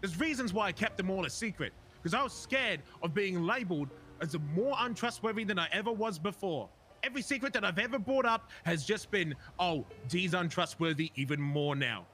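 A man argues in an online game role-play, aggrieved and quick to curse. His voice is high and bright, with lively swings in pitch. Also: soft background music. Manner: aggrieved, argumentative, sweary. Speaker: role-play gamer playing a biker club member.

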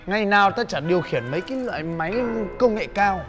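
Brief: man as a loud, bragging young laborer, high voice. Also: lively intonation, quick pace, soft background music. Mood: boastful. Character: boastful broke male laborer, young adult.

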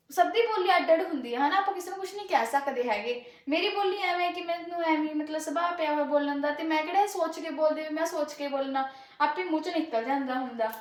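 Young rural Punjabi woman, fast and high-pitched, rambling cooking-vlog chat in an echoey kitchen. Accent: rural Malwa Punjabi. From Punjab, India. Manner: chatty, rambling, frequent filler tags. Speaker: cooking vlogger. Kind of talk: casual chat while cooking. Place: home kitchen.

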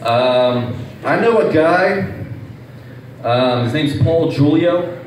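Young male stand-up comic, lively delivery, exasperated and profane; roomy club, distant mic. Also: a little high, slow pace, slight background noise. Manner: animated, profane, exasperated storytelling. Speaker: stand-up comedian. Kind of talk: stand-up set at open mic. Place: small comedy club stage. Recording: echoey room, distant mic, faint ambience.

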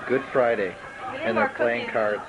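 A man's voice: medium pitch, fairly even intonation, measured pace, over a noisy crowd, rough recording. A man giving casual, playful commentary on a family home video, recorded on a 1990s camcorder with VHS tape sound. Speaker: home video maker narrating family gatherings. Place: family living room, also outdoors. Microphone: camcorder microphone held by speaker.

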